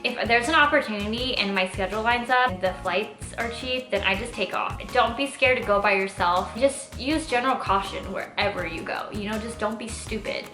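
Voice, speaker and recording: Her fairly high voice sounds pushed and bright, moving at normal speed with few pauses. She's a twenty-something nurse and travel vlogger from Orange County, California, answering questions in a casual, emphatic, informal vlog. Faint music plays in an echoey room.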